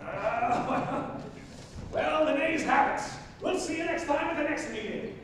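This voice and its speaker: A man's voice: very high voice, expressive, slow pace, crowd noise. A man hosting a live improv show from the stage. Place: stage in a large hall, distant mic. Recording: echoey hall from far off, music.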